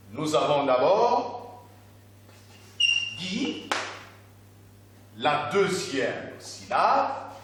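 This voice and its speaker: A male primary school teacher walks his pupils through a reading lesson, drawing out each syllable and repeating words for them. His voice is a little high and rises and falls a lot. He is recorded from a distance in a strongly echoing room. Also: a bit bright. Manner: slow, deliberate, stretching out syllables and repeating words. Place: classroom.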